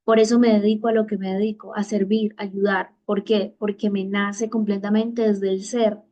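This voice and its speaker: A woman's voice: mid-range voice, little pitch movement, moderate pace, mellow, lo-fi sound. Earnest woman teaching a spiritual class. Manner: earnest, reflective, speaks from personal experience. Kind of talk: master class talk.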